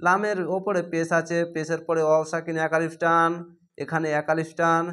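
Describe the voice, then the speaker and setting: A man teaching Quran reading, with a Bangladeshi Bengali accent, spelling words letter by letter and slowly stretching the recited words. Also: a little high, level tone, a bit bright, smooth.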